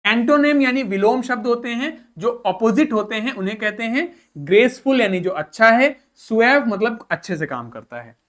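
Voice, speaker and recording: A man's voice: very high voice, lively intonation, normal speed, few pauses, fairly bright tone. A man teaching a vocabulary lesson, explaining each word patiently and repeating it for students to echo, switching between Hindi and English.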